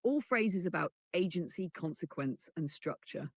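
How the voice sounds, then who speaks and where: Text-to-speech narrator for a chatbot answer, husky and gravelly, measured explainer read, dry close sound. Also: medium pitch, no room sound. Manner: measured, even explanatory delivery that reads punctuation aloud. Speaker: AI assistant reply read aloud. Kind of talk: synthetic voice reading a chatbot answer.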